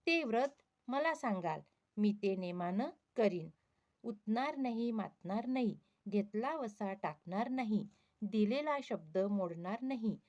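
A woman's voice: mid-range voice, lively intonation, slow, darkish tone, highs cut off. A woman playing a worried palace maid. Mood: pleading. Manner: pleading, worried. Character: anxious young palace maid.

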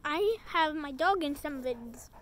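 A high, unhurried young woman talks her way through a home vlog, chatty and rambling. She gushes in baby talk to her dog. The recording is noisy. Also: animated. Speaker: vlogger. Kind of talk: casual vlog chat.

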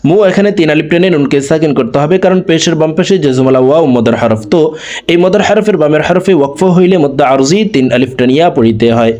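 A man's voice: on the high side, expressive, darkish tone. A man teaching Quran reading with a Bangladeshi Bengali accent. He spells out each letter and vowel sign, then chants the joined words. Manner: rapid plain explanations between drawn-out chanted phrases. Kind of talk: slow spelling-out recitation lesson.

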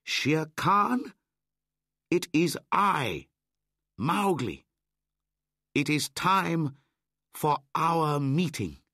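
A man voicing a bold young jungle boy who calls out in high, ringing shouts for an audiobook. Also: very animated, slow, slightly rough, no echo, clean studio sound, full character voice. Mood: shouting, triumphant. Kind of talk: audiobook character voice.

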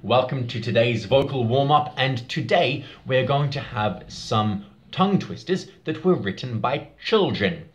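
A man teaching a vocal warm-up for children, giving short encouraging prompts and singing examples. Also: medium pitch, expressive, unhurried, soft background music.

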